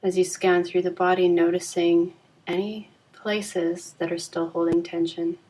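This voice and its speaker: A woman guiding yoga nidra speaks slowly and soothingly, with leisurely pauses between phrases and a very even, fairly low voice. The practice she leads is deep relaxation, and the recording quality is rough.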